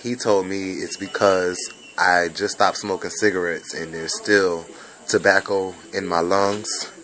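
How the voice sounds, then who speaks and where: Deep-voiced man with a Bahamian-Jamaican accent. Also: steady tone, fairly bright tone. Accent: mixed Bahamian, Jamaican and American. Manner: rambling, repetitive, drawn-out. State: recovering from bronchitis. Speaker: vlogger recording a personal message. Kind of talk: casual personal video message. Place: hospital room.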